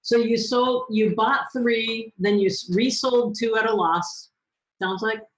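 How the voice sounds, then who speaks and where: A woman hosting a live Q&A who asks quick follow-up questions and encourages callers. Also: a little high, steady tone, low-quality recording. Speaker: host. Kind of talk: live Q&A coaching.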